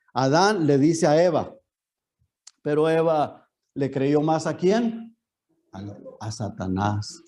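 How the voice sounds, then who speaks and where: A man's voice: medium pitch, dark tone. A man preaching a Bible lesson as pastor in a church, often turning to the congregation with rhetorical questions.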